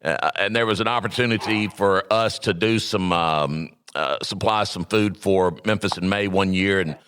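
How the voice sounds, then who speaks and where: A man's voice: low voice, moderate pace, fairly bright tone, smooth. A man who supplies food to restaurants, telling a long story in a rambling, folksy way on a podcast.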